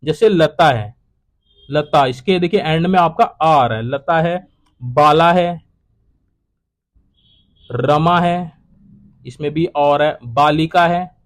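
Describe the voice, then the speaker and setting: A young man teaching exam prep, working through quiz questions one by one and repeating each answer, his voice trailing low at the end of each. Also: slow pace, pauses often. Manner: repetitive, drops to a low trailing voice at each close. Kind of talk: solving quiz questions aloud.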